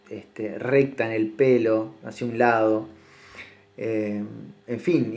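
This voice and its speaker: A middle-aged man giving a recorded literature lesson from his home kitchen, speaking in a measured, reflective way with frequent fillers. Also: mid-range voice, a little mellow. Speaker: literature teacher.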